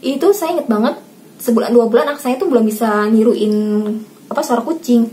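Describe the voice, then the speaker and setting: A woman in her thirties speaks casually to camera as a parenting vlogger, with a somewhat high voice. She talks straight to her viewers and sometimes acts out how she speaks to her child. Faint background noise sits under the recording. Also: animated, a little fast, dark tone. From Indonesia. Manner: chatty, addresses viewers as Mams, acts out talking to her child.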